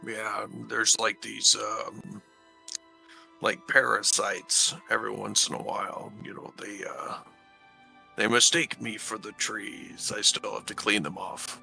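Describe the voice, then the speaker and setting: A man voicing a slow-witted male leshy, a tree spirit, who talks slowly and picks his words with care. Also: lowish voice, level tone, gravelly, bright, forceful tone, faint music behind, heavily acted. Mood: earnest.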